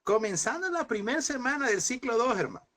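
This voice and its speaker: A man's voice: extremely high pitch, big pitch swings, fairly quick, fairly bright tone. A man in his thirties teaching a seminary class as a fervent sermon, speaking through grief and constantly calling his listeners "brother.". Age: 30s. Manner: fervent, addresses listeners as "hermano". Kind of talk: impassioned sermon-style class.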